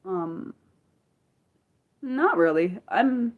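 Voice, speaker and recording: A thirty-something woman hosts a livestream without a script, chatting casually and reading viewers' comments as she rambles and corrects herself. Her energy swings between excited and subdued. She has a mid-range voice and draws out her words, and the audio is narrow and tinny.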